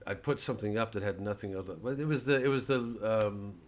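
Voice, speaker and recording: Plugging his show, a comic delivers a loose, rambling monologue to camera in a lowish register, addressing the listener directly. His speech is halting and full of digressions, with lots of "you know" and "man"; the tone is sardonic and mocking, going profane once he's riled.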